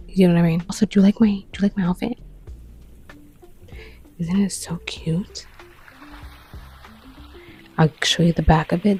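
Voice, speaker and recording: Gravelly, breathless late-night vlogger. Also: mid-range voice, rough recording. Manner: rambling, often dropping into a soft whisper. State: short of breath. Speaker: lifestyle vlogger. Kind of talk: casual late-night chat to camera. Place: bedroom at night.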